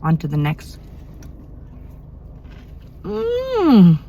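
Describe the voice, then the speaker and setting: Recording an eating vlog at home at night, this middle-aged mukbang vlogger from Maine, USA, talks in a chatty way and takes bites between sentences. She speaks unhurriedly but animatedly, in a fairly low, gravelly, husky voice, and the recording sounds muffled.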